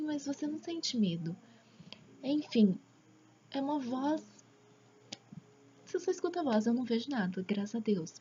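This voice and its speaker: A woman with a Brazilian accent gives a casual, earnest religious testimony at home, often dropping into a hushed near-whisper. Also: on the high side. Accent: Brazilian Portuguese. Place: at home, father talking in the background. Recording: dull lo-fi home recording with faint background noise.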